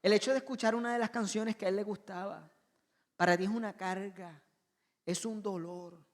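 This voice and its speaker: A man's voice: high voice, fairly even intonation, moderate pace. Impassioned male preacher in a ringing hall. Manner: impassioned, swings between loud emphasis and soft asides. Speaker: pastor. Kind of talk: sermon. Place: church auditorium.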